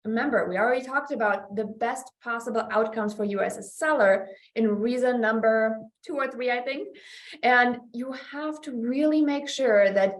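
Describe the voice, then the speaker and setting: A woman's voice: fairly high pitch, moderate pace, reverberant. A woman working as a real estate agent, talking straight to camera in an upbeat, chatty, persuasive sales vlog.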